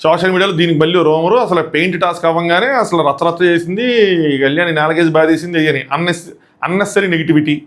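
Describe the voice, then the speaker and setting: A man with a Telugu accent giving a quick, animated review of a reality show episode, acting out the contestants' lines. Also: on the high side. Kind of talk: fast episode review commentary.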